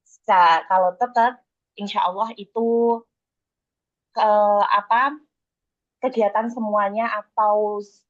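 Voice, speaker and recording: A woman's voice: medium pitch, fairly even intonation, slow pace, pauses often, muffled recording. Woman on a choppy video call breaking up. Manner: polite, deferential, with hesitant fillers. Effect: choppy online call audio breaking up. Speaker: presenter answering an examiner. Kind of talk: formal online seminar answer.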